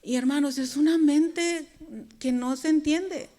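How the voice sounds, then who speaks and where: A preacher and worship leader delivers a sermon to her congregation in an earnest, conversational way. Her voice is high, unhurried and mellow.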